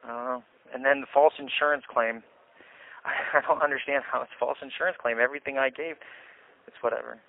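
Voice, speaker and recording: Here the same kind of jail call comes through a handset as tinny, band-limited audio: an American man with a creaky, medium-pitched voice and fairly even intonation. He speaks briskly and casually, venting and pressing his explanations.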